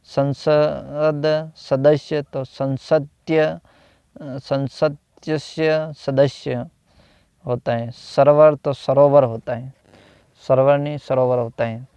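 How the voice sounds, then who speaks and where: A man teaching a grammar lesson, slowly reading out words and their corrected forms, with hesitant fillers and self-corrections. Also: medium pitch, fairly even intonation, mellow, clear, resonant tone, dry recording. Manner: slow, repeats each corrected word with "तो ... होता है". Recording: dull, slightly lo-fi dry recording.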